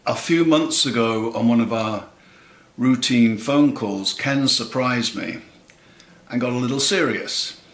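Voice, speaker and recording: A man in his seventies giving a scripted eulogy in a measured, wry, tongue-in-cheek way with deliberate pauses. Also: mid-range voice, fairly bright tone. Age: 70s. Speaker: eulogist, lifelong friend of the deceased. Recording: roomy, echoing sound.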